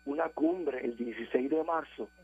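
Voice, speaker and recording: Raspy indignant Puerto Rican caller on a phone. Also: male voice, medium pitch, normal speed. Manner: indignant, sarcastic. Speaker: radio caller. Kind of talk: phone-in opinion. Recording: dry tinny phone line.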